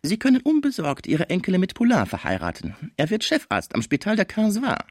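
Guy doing a high-pitched sneering lawyer, mocking and scheming, voice jumps around a lot. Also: wildly swooping pitch, brisk, no echo, studio quality, full character voice. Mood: satisfied. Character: sly, menacing male lawyer, scheming and mocking.

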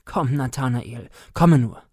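A man's voice: mid-range voice, slow pace, a little mellow, breathy edge, no room sound, studio quality. A man voicing an anxious, loving mother who soothes and pleads in a raised, tender voice. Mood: urging gently.

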